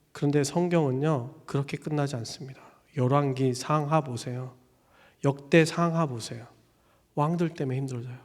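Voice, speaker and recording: A man's voice: medium pitch, a little mellow, in a large hall. A man preaching a Sunday sermon as pastor, in a casual, conversational way with many fillers, animatedly acting out little dialogues. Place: church sanctuary.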